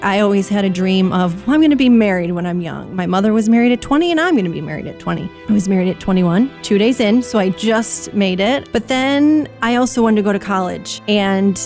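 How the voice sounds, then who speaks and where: A woman's voice: mid-range voice, expressive, a little fast, few pauses, a little mellow, faint music behind. A young adult woman telling her personal faith testimony in a candid, conversational way, often quoting her own past thoughts. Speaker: interviewee sharing testimony.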